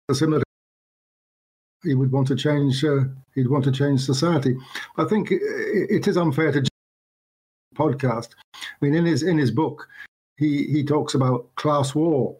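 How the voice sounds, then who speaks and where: A man chairing a casual group discussion over an online call, talking haltingly and repeating words while his audio keeps breaking up and cutting out. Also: fairly high pitch, darkish tone, slightly rough, low-quality recording. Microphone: remote call connection.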